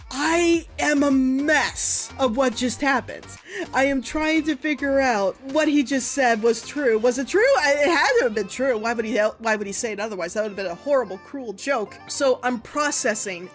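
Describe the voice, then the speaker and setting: A woman in her thirties from Texas tells a personal story in a confiding, emotional way, often stopping to restart her sentences. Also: high-pitched. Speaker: video creator. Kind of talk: storytime narration over a speed painting. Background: faint background music.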